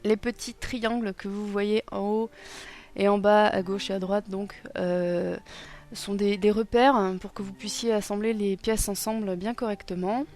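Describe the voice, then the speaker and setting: A young woman casually explaining a costume sewing project, hesitant and self-deprecating with many pauses and fillers. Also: mid-range voice, steady tone, darkish tone. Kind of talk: casual tutorial narration. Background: music.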